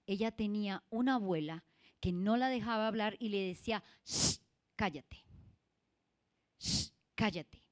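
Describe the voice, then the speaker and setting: A woman's voice: a little high, a little mellow. A woman church leader preaching a sermon, emphatic and putting questions to her congregation.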